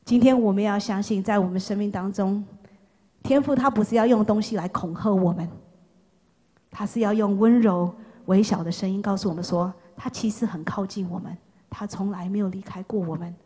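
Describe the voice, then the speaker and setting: A woman preacher giving an impassioned sermon to young people, repeating phrases for emphasis and swinging from loud calls to hushed words. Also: mid-range voice, steady tone, fairly quick, slightly rough.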